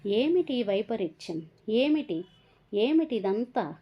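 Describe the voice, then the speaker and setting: A woman's voice: on the high side, sing-song, slow pace, breathy edge, heavily acted. Woman voicing a grieving old grandfather. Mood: anguished. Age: older. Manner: anguished cries to God, gentle consoling. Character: grieving old Brahmin grandfather, calm and wise. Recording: dull lo-fi recording.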